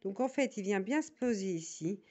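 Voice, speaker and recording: A woman's voice: mid-range voice, expressive, normal speed, a little mellow. A woman with a northern French accent speaks in an ordinary mid-range voice, chatting to her viewers like a friend. Her delivery rambles, looping back on itself with small asides as she explains her craft. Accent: northern French (Nord). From northern France. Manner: rambling, many fillers and restarts, chatty asides. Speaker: diamond painting vlogger. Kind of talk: casual tutorial chat to viewers.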